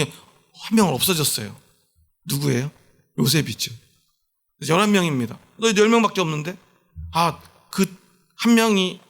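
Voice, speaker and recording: A man's voice: on the high side, vocal fry, a bit bright. A male pastor giving a sermon in a conversational storytelling way, often asking the congregation questions.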